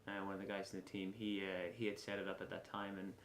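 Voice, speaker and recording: A man in his late twenties with a west of Ireland accent, answering casually in an interview with frequent pauses. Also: sits low, monotone. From Galway, west of Ireland. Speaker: lacrosse player being interviewed. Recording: echoey room with faint background noise.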